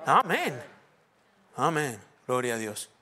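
A man from Mexico with a Mexican Spanish accent, preaching a sermon as a pastor. He drops to low murmurs and then rises to loud, shouted preaching. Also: big pitch swings, slow, breathy edge.

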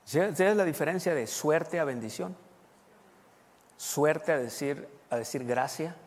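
A male pastor with a fairly high-pitched voice preaches at a measured pace, framing his sermon as a personal story. He talks conversationally and asks his congregation questions, all under long hall reverb.

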